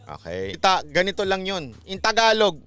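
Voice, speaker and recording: High-pitched guy from the philippines doing a rambly vlog commentary, sing-songy jabs, bit of music in the back. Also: moderate pace, smooth. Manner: rambling and animated, with sing-song mocking asides. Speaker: vlog host. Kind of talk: casual political commentary.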